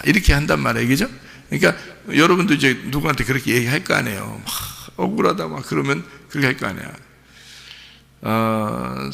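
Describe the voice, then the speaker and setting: A male pastor preaching in a church sanctuary, his voice heavily gravelly and forceful. He talks in an animated way, repeats his phrases and keeps asking the congregation questions. A long hall reverb trails after every line. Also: mid-range voice. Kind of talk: sermon.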